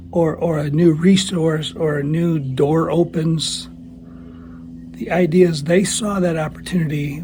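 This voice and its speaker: A man giving a casual devotional talk in a thin, squeaky, strained voice, as if under the weather, with a folksy, self-deprecating manner. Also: a little mellow, slight background noise. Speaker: church small-group leader giving a video teaching.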